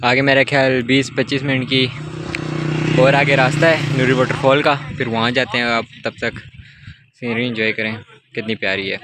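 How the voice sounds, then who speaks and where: A man's voice: mid-range voice, level tone, moderate pace, very noisy. A young man from Pakistan chatting to viewers in a casual travel vlog, filmed outdoors on a phone held at arm's length. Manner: chatty, addresses viewers directly. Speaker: vlogger. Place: outdoors by a roadside.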